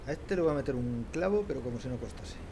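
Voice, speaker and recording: A man's voice: medium pitch, expressive, quick pace, background noise. A man in his thirties with a Spain Spanish accent, chatting and rambling through a let's-play on a headset mic. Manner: chatty, rambling, laughs often. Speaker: gaming streamer. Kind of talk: casual let's-play commentary.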